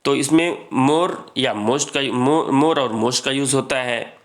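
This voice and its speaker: A man teaching English grammar in a lesson, reading rules slowly and explaining them with many repetitions. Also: medium pitch. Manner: reads English rules slowly, then explains, repeating "ठीक है".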